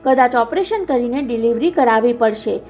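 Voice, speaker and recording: A woman voicing a brisk, respectful hospital nurse who reports news plainly, in a storybook reading. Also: fairly high pitch, lively intonation, a little mellow, soft background music, natural voice. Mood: concerned. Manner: brisk, informative.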